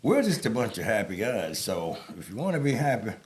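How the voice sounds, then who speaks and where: Interview guest: middle-aged man, slightly low voice, chatty, words mashed together and hard to catch. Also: sing-song, brisk. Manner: slurred, run-together words that can be hard to make out. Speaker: interview guest, local personality. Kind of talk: casual chat, storytelling.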